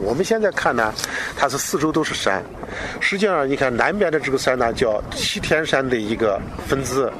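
Male local expert, unscripted explaining, halting with repeated phrases, lively intonation, noisy outdoor location sound. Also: medium pitch. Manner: halting, repeats phrases, frequent filler particles. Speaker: local culture expert and guide. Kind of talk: unscripted explanatory talk to an interviewer.

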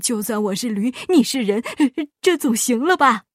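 A woman's voice: a little high, lively intonation, a little slow, no room sound, studio quality. A woman voicing a pompous, bullying middle-aged male magistrate in a storybook reading, blustering and stammering. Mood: panicked. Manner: blustering, shouting, stammering in panic.

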